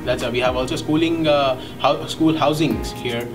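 A young man with an Indian English accent, a graduate student giving a rambling, halting testimonial with many fillers. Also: medium pitch, fairly even intonation. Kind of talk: testimonial interview. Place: indoor studio set. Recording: distant mic, background music.

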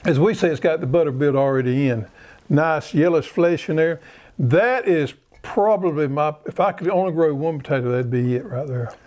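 A man with a Southern American accent, chatting in a slow, folksy way as he explains his garden. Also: a little high, a little mellow. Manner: folksy, drawling, unhurried. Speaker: garden show co-host. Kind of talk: casual how-to chat.

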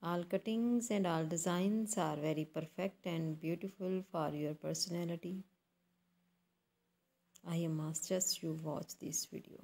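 Slow-speaking woman. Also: lowish voice, fairly even intonation, darkish tone. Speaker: YouTube channel host. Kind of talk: scripted voice-over narration for a slideshow.

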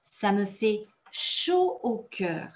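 Russian-native woman teacher, unhurried, cheerful praise for students. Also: mid-range voice, big pitch swings. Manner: encouraging, praises students often; explains and translates phrases step by step. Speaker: French teacher. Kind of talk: online conversation class.

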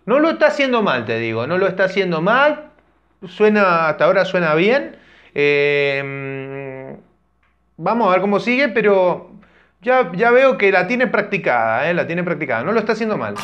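A young man talks over a concert clip in a loose, thinking-aloud way, full of fillers and restarts. His voice sits fairly high for a man. Faint music plays underneath. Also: very animated, normal speed, muffled recording. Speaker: reaction video host. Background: music from the video.

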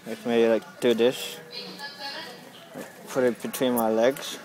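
A young man from Estonia vlogging as he walks through a grocery store, rambling and excitable, recorded on a handheld camera. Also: medium pitch, takes it slowly, over music, low-quality recording. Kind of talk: casual vlog narration. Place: large indoor grocery store.

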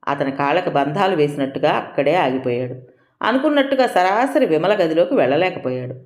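A woman storyteller reading a novel aloud with lively rises and falls in her voice. Her voice sits low for a woman, and the recording has a noticeable echoey room. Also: fairly quick. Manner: expressive reading. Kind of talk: audiobook narration.

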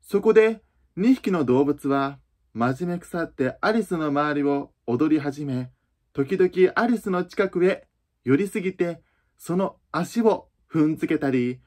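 A man narrating a children's storybook in a calm, even reading voice, with the odd slip and restart. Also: fairly high pitch, measured pace.

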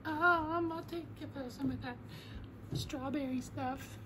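Playful high-voiced woman, noisy home recording. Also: fairly even intonation, unhurried. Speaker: play partner voicing a toy pet. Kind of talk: casual improvised pretend play. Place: indoors at home.

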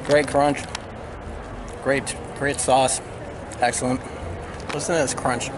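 A man's voice: medium pitch, slow. A man vlogging a food review, talking while chewing, sitting on a city sidewalk. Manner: relaxed, enthusiastic about food. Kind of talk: casual food review vlog. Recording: noisy street outdoors. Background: street and traffic noise.

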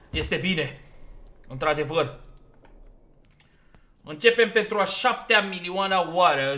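A man's voice: a little high, bright, forceful tone. A man giving let's play commentary on a horror game, talking himself through each step and getting easily exasperated. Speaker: gaming YouTuber.

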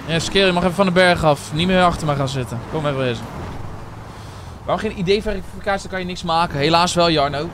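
A man's voice: a little high, fast talker, background noise. A man, chatting casually with viewers and calling them guys and bro while playing a game. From Netherlands. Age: 20s. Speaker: streamer and server owner. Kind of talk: casual live-stream chat while playing.

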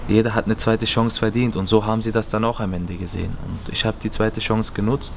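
Sitting in an empty outdoor stadium, a young Berlin-born footballer gives earnest answers to an interviewer. He has a lowish, creaky voice with little pitch movement and talks fairly quickly. Noise from the stadium fills the recording.

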